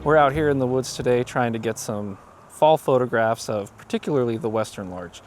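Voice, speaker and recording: A man narrates his outdoor photography trip with easy, upbeat enthusiasm, talking casually while he works. He sits at a mid pitch and is recorded out in a mountain forest on a camera mic. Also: a little fast, darkish tone, soft background music. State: out of breath. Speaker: landscape photographer.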